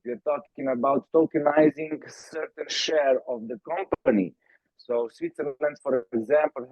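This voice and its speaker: Speaking with a creaky, medium-pitched voice and no echo, a Slovenian startup founder responds to a podcast interviewer as a guest. His answers are full of fillers and restarts. The call audio sounds tinny and phone-like.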